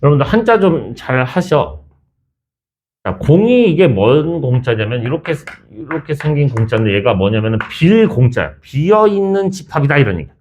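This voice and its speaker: A male math teacher in his thirties lectures a class in a chatty, teasing way, shifting between formal and casual speech. His mid-range, darkish voice is very animated at a moderate pace, on a lo-fi recording with a little hiss or hum.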